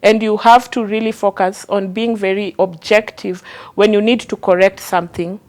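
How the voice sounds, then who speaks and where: A woman sharing personal stories as a talk show guest. She speaks in an animated, chatty way and leans on fillers as she goes. Her voice sits at an ordinary pitch for a woman. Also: normal speed. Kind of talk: candid personal storytelling.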